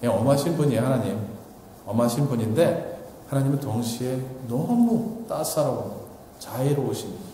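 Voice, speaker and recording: A man preaching a sermon, asking the congregation questions and answering them himself, rising for emphasis and dropping soft at the ends of his points. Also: expressive, moderate pace, heavy reverb, long reverb tail, slight background noise, low-quality recording. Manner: rises in pitch for emphasis and drops low and soft at the ends of points. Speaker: pastor.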